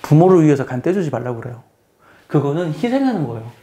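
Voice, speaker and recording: His voice sits a little high and warm, with big swings in pitch, and he talks fast. He's a middle-aged math teacher giving a casual, plain-toned spoken lecture, frequently repeating phrases and questioning the listener.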